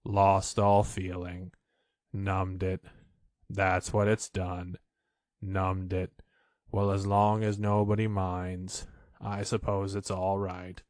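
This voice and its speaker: Man doing a slow, low, gloomy old donkey. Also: dry recording, studio quality. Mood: gloomy, resigned. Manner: slow, grumbling, resigned, deadpan. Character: gloomy, long-suffering old male donkey. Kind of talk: children's storybook character voice.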